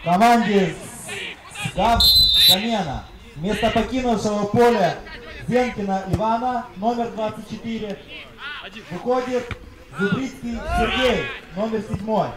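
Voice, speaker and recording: A man making formal, deliberate substitution announcements as a stadium announcer, echoing over a public-address system. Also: high-pitched. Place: outdoor football stadium. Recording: echoing outdoor PA, loud crowd noise.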